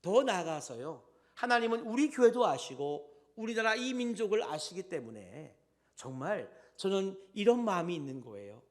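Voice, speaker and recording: A man preaching a Sunday sermon as pastor, swinging between loud and soft and often addressing the congregation directly. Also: high voice, sing-song, normal speed. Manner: tells stories with addresses to the congregation.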